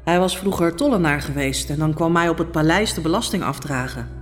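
A woman's voice: deep voice, fairly quick, soft background music, lightly acted. A woman playing a troubled Roman noblewoman who tells of her dreams in a solemn, urgent first-person monologue. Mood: haunted. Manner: solemn, urgent, hushed storytelling. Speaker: Pilate's wife.

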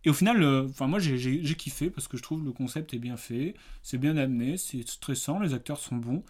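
A man's voice: mid-range voice, fairly quick, darkish tone. A man hosting a casual film review podcast, in plain everyday speech. He talks in a loose, chatty way, stumbling through hesitations and fillers. He runs little quiz games with a playful, teasing edge. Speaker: podcast host.

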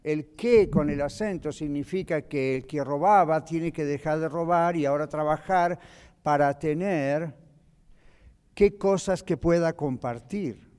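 A male pastor, teaching a Bible lesson in a church classroom, asking his class questions and explaining slowly. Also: fairly high pitch, a little mellow, clean tone. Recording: long reverb of a hall.

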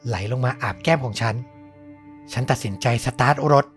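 A man telling a horror story on a podcast in a measured voice that sinks low and hushed at the tense parts. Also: soft background music. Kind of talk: scripted horror narration.

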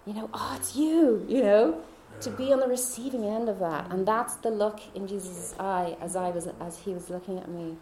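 Chatty woman with a mellow voice. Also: medium pitch, moderate pace, few pauses, reverberant. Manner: chatty, laughs often, dips into soft whispers. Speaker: speaker. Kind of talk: personal faith testimony.

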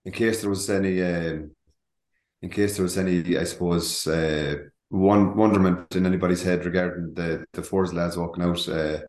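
A man speaking hesitantly and haltingly in a casual sports discussion. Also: sits low, fairly even intonation, a little mellow. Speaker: football podcast panellist. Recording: echoey room.

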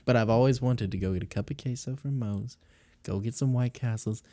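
A man's voice: medium pitch, fairly quick, warm tone. A man, co-hosting a casual chat and rambling through stories with fillers and laughs.

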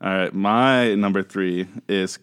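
A man's voice: low voice, slow pace, a bit bright, clear, resonant tone. A young man co-hosting a podcast in casual chat, laughing often and swearing freely. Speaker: podcast co-host.

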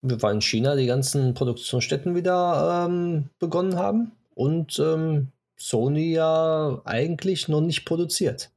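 A man's voice: fairly high pitch, a little slow, hardly any pauses, a little mellow. A man co-hosting a casual podcast chat, talking with frequent hesitations and fillers. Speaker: podcast co-host.

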